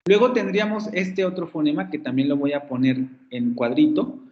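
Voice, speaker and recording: A man with a Mexican Spanish accent gives a phonetics lecture in a fairly high voice. He works through the material step by step and says example words slowly and more than once. The sound is roomy and a bit dull, like a lo-fi class recording. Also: steady tone, a little mellow. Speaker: phonetics professor. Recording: echoey, muffled lo-fi class recording.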